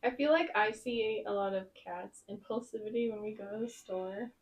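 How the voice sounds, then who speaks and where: A woman co-hosting a casual podcast chat, talking in an animated way and acting out her own thoughts as quotes. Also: medium pitch, moderate pace. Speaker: podcast co-host.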